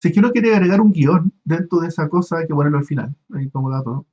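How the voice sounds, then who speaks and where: Teaching his university class online, this lecturer works through the material step by step, often stumbling, restarting, and using fillers while quizzing his students. He sounds on the high side, a little mellow, and slightly rough, and the audio is dull.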